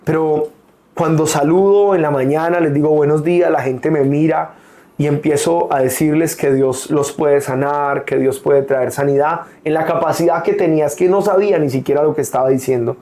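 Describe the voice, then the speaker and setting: A young male pastor from Colombia delivers an earnest sermon, with a voice sitting a little high for a man yet mellow and warm in tone. He speaks personally and pauses often on small fillers as he shares his testimony. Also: fairly even intonation. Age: young adult.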